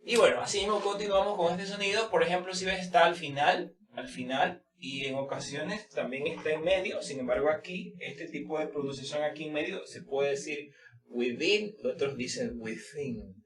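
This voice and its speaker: A man with a slightly high voice gives an informal pronunciation lesson, talking slowly with lots of fillers and repeating the example words. He sounds set back from the mic in an echoey room. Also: recorded from a distance, crowd noise. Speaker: English pronunciation teacher.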